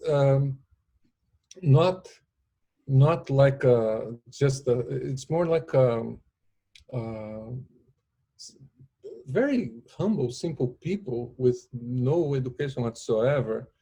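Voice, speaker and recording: A man from Brazil with a Brazilian Portuguese accent, a podcast guest talking in slow, searching phrases, Portuguese his first language. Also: mid-range voice, lively intonation, warm tone, breathy edge. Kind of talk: podcast interview.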